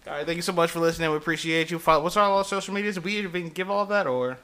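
A woman co-hosting a casual podcast, laid-back, with dry jokes and steady affirming murmurs. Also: on the low side, rapid-fire. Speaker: podcast co-host. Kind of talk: casual chat.

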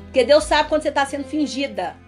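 A woman preaches a fervent sermon in a rather high voice, forceful and repetitive, as if shouting in a public square. Soft music plays faintly behind her. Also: quick pace. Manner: loud and emphatic, repeats phrases. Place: online broadcast.

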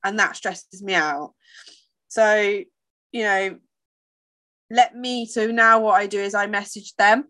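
A woman's voice: medium pitch, steady tone, takes it slowly, pauses often, bright, forceful tone. A woman in casual, confiding conversation, speaking in a candid, informal and reflective way.

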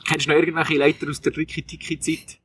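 Very fast Swiss German man, distant and noisy. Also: on the high side, little pitch movement, breathy edge. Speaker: interviewer. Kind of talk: casual interview. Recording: distant mic with loud background noise.

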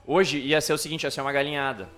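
A man chatting casually at a bar table, telling jokes and doing animated impressions. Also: fairly high pitch, quick pace, soft background music. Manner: joking storyteller, animated impressions. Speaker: podcast guest.

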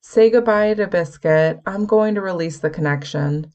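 A woman voicing a calm young medium who speaks quietly and evenly, at times in a near whisper. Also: lowish voice, close to an everyday voice. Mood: measured. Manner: quiet, measured, sometimes whispering.

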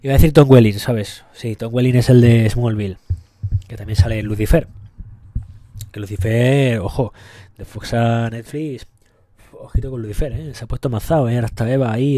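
A man's voice: medium pitch, mellow, no room sound, clean studio sound. Profane Spanish-accented man ranting on a podcast. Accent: Spain Spanish. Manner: crude, profane and joking; rambling, loses the thread. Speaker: podcast host. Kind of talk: casual solo podcast rant.

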